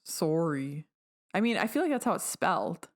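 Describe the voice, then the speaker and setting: A woman's voice: fairly high pitch, very animated, quick pace. A woman co-hosting a podcast over a video call, chatting casually and teasing her friend. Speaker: podcast co-host. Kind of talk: casual chat.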